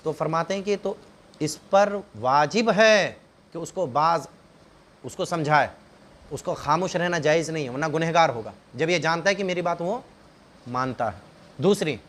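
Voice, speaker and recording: A man's voice: sits high, fairly bright tone. A man teaching a religious lesson who explains step by step, keeps asking the listeners rhetorical questions, and acts out scolding and advice in quoted voices.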